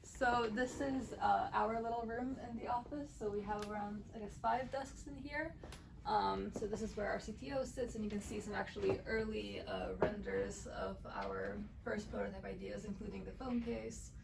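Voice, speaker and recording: A young woman from Romania, a startup cofounder and developer, answering interview questions and showing visitors around her office in a relaxed way, often saying "um" and "I guess". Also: mid-range voice, normal speed, creaky, noisy background. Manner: relaxed, many "um" and "I guess" fillers. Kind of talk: casual interview and office tour.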